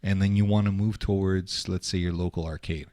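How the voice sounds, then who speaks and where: Low voiced dude hosting a podcast, slangy and loose, dry close mic. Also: male voice, fairly even intonation, fairly quick, dark tone, no room sound. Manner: laid-back, slangy, with lots of "like", "dude" and "bro". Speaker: podcast host. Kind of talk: casual interview chat. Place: podcast studio.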